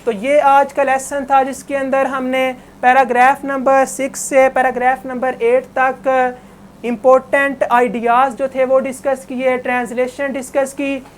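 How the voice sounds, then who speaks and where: A woman with a high-pitched voice teaches English in an online class, patiently explaining words and correcting pronunciation. There's a little hiss or hum in the recording.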